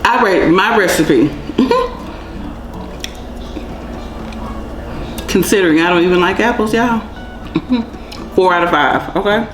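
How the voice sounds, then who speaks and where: A woman's voice: medium pitch, reverberant, low-quality recording. A woman hosting a casual cooking vlog, chatty and calling her viewers y'all and child. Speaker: cooking channel host. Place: home kitchen.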